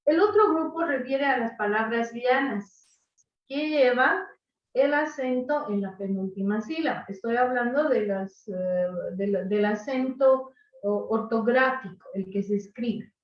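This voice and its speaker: A woman's voice: fairly high pitch, unhurried. Distant, echoey woman teacher lecturing. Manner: explanatory, asks "¿no?" and "¿sí?" often. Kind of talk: online class lecture. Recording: echoey, distant, dull lo-fi sound.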